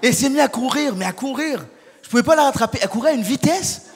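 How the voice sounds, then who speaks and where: A young man doing a stand-up set for a live crowd on a hall stage, energetic and quick, often shouting and putting on voices. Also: very high-pitched, slight background noise. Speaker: stand-up comedian. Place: large hall on stage before a live audience. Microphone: stage microphone. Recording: live hall recording with long reverb.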